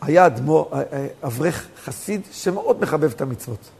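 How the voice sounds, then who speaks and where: A man, a rabbi, telling stories in a sermon, swinging from soft talk to emphatic outbursts. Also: on the high side, lively intonation, gravelly, husky. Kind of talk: storytelling sermon.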